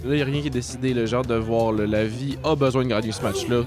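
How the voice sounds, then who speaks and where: A man's voice: medium pitch, steady tone, fast talker, loud music behind the voice. A man with a Québécois accent commentating a live improv match in a casual, filler-heavy way.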